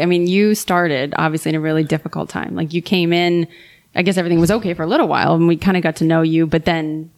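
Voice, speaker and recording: A woman co-hosting a local podcast, upbeat and leading the interview questions. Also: lowish voice. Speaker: podcast co-host. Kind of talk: casual interview.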